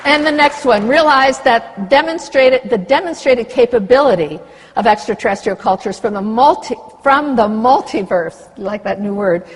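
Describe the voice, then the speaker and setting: An older woman at a conference lectern, speaking with passion and breaking off from the text she reads for sharp asides. Her voice is husky and a little breathy, and the long reverb of a big hall trails after every phrase. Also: fairly high pitch, animated, moderate pace. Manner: impassioned, reads treaty text aloud with asides. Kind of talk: conference speech.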